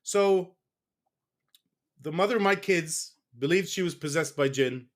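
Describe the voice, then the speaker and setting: A man's voice: a little high, unhurried. A man from the United States speaking in a casual interview as a guest, candid and rambling, often stopping to correct himself.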